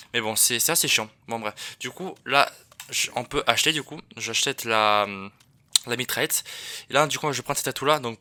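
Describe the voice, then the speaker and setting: A man talks through a match in a loose, rambling way, full of fillers and restarts. His voice is very bright and forward, at a middle pitch. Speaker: gaming YouTuber. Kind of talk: casual gameplay commentary.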